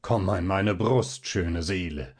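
Wanted: a male reader playing a gushing stout professor in a storybook, theatrical, low husky voice. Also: slow pace, darkish tone, heavily acted. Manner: effusive, theatrical.

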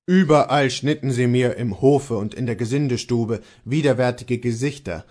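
A man reading aloud who voices a male stable servant recounting his mistreatment in a plain, lower tone. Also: normal speed, a little mellow, natural voice. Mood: aggrieved.

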